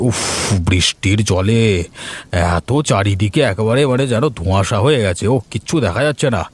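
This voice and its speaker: A man voicing a wordy, fussy elderly village gentleman in a cartoon. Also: on the low side, close to an everyday voice. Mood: grumbling, uneasy. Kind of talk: cartoon voice acting.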